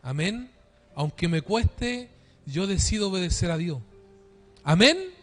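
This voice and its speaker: A man's voice: high voice, lively intonation, unhurried, soft background music. A man preaching a sermon as pastor to his congregation, asking rhetorical questions and calling for amens. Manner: dynamic preaching, calls for amen, rhetorical questions. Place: church.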